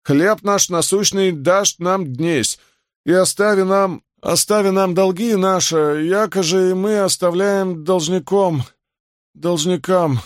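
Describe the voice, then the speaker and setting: A man's voice: high voice, slow, no echo, studio quality, voice pushed up. A man reading an audiobook, voicing a frightened, guilt-ridden older doctor who talks in a trembling, pleading way. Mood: strained.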